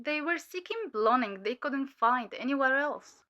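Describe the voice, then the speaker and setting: An actress plays a female infiltrator in an audio drama, giving measured, hesitant testimony in a highish voice with a crisp edge and lively intonation. She sounds weary but sharp and matter-of-fact, and the recording is muffled.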